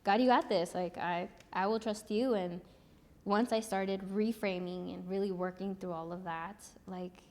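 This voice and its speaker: A young woman from El Salvador chats as an interview guest, talkative and quick to laugh, with "like" scattered through her sentences. Her voice sits at an average pitch for a woman, and a long room reverb trails behind it. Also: steady tone, darkish tone. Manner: chatty, laughs often, sprinkles in "like". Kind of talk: casual interview. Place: studio.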